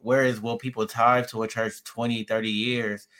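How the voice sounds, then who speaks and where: A man's voice: medium pitch, level tone, fairly bright tone. A man hosting a casual faith discussion, affirming and conversational. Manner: affirming, conversational, quick to agree.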